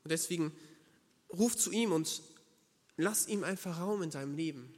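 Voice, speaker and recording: A man's voice: fairly high pitch, moderate pace, a little mellow, big-room sound. A man preaching a sermon, earnest and emphatic, speaking directly to the listener.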